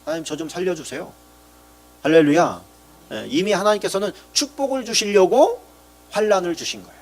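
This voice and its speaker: Animated Korean pastor preaching a sermon. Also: male voice, sits high. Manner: lively preaching, rising to loud emphatic peaks and dropping to quiet asides; acts out dialogue in character voices.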